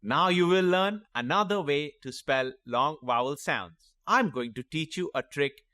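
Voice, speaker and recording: A man teaching a children's phonics lesson, sounding out letters and words slowly and clearly and encouraging young learners. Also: on the high side, lively intonation, bright, forceful tone, no room sound, studio quality. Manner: slow, clearly sounding out each letter and word.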